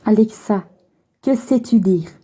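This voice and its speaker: A woman's voice: mid-range voice, measured pace, dark tone, breathy edge. Woman giving brief voice commands. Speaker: video host testing a smart speaker. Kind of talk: short spoken commands.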